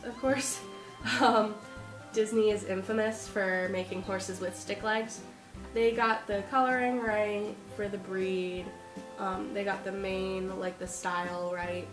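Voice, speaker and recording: Stuffy-nosed woman vlogging in an echoey room. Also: medium pitch. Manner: chatty, rambling with frequent ums and likes. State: stuffy nose from a cold. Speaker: horse vlogger. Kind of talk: casual vlog. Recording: echoey room with music behind. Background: music playing.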